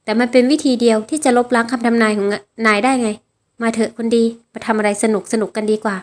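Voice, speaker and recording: A cold, controlling young man who speaks slow and clipped and keeps giving orders, as a woman reads him in a high voice. it is a storybook romance reading, with dialogue read out by a single narrator. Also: fairly even intonation, lightly acted. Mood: domineering.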